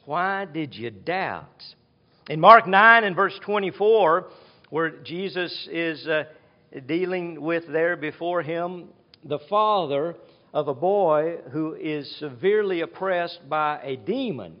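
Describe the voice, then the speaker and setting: Slow, high-voiced man preaching earnestly. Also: lo-fi sound. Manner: earnest, reflective, retelling scripture scenes. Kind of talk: expository sermon. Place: church with a screen behind him.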